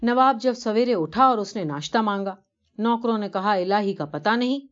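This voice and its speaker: A woman's voice: mid-range voice, expressive, lightly acted. A woman voicing a poor, devout elderly man who earnestly tells of his pilgrimage in a story reading, on a dull lo-fi recording. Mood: humble, earnest.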